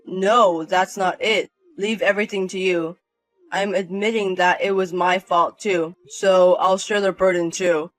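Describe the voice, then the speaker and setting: A man's voice: high-pitched, fairly even intonation, unhurried, fairly bright tone, faint music behind, rough recording. A man voicing a self-centered husband in a drama, sounding flustered and pleading.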